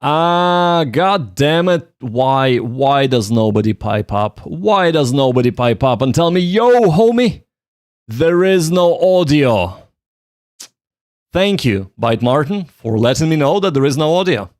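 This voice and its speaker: A man hosts a casual study livestream as a language learner, thinking aloud in a joking, self-deprecating way. His mid-range voice is expressive and a little slow with few pauses, recorded as clean studio sound without echo.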